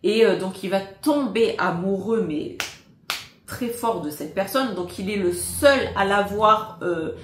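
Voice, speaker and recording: A woman casually recommending films she likes, hesitant and full of filler pauses but enthusiastic. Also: medium pitch, reverberant, a little hiss or hum. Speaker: film recommender. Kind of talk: casual spoken film recommendations.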